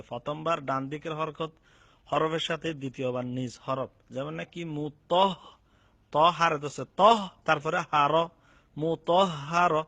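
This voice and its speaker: A man teaching Quran recitation rules, explaining pronunciation patiently and then chanting verses in a slow, drawn-out way. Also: a little high, a bit bright, no room sound. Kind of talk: tajweed lesson.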